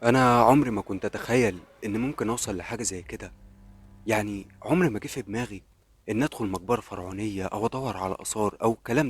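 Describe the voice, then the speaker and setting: A man's voice: lowish voice, breathy edge. A man with an Egyptian accent narrating a scripted horror story in the first person, in a brooding, dramatic way. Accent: Egyptian Arabic.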